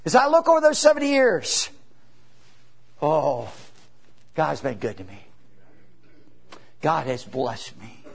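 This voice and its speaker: A traveling evangelist in his seventies preaches with a high, somewhat bright voice. His delivery is folksy and repetitive, studded with "you know" and "amen," climbing to emphatic bursts broken by long pauses.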